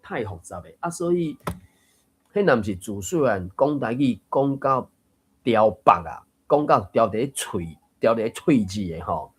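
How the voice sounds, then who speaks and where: Husky man hosting a reading group. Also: mid-range voice, animated, a little slow. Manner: explanatory, musing, with chuckles. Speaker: host of a Taiwanese reading group. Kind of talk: casual discussion of a book reading.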